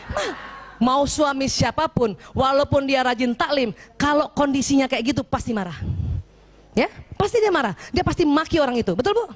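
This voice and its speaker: Woman, from Indonesia, religious lecturer, high bright voice, playful and lively, acts out scenes. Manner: lively, playful, often acts out husband and wife.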